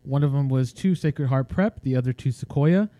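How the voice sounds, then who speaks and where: Californian male co-host, halting casual delivery, mellow tone, dry close mic. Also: medium pitch, no echo, lo-fi sound. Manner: hesitant, many fillers and restarts. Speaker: sports podcast co-host. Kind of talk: casual sports chat.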